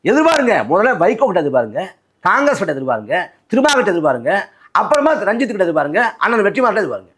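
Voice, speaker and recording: A man from Nadu, speaking as a party spokesman in a political interview, forceful and rhetorical, repeating phrases for emphasis. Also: sits high, very animated, fast talker, breathy edge.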